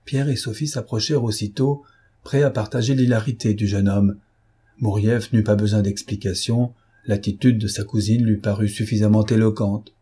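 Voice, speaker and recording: Male narrator, audiobook, low voice, husky, calm even storytelling. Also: normal speed. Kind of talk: scripted narration.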